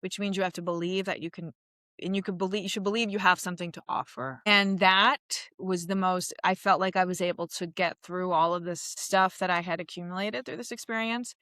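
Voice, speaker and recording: Bright, animated comedian woman from Queens. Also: lowish voice, a little fast, dry recording. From Queens, New York. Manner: animated, laughing, acts out quoted voices. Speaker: comedian guest. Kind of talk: casual interview chat.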